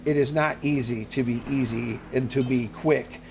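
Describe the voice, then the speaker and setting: Gravelly, chatty middle-aged gaming streamer man. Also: mid-range voice, fairly even intonation, moderate pace, a little hiss or hum. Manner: rambling and repetitive, folksy, effusively friendly. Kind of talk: casual live gameplay commentary.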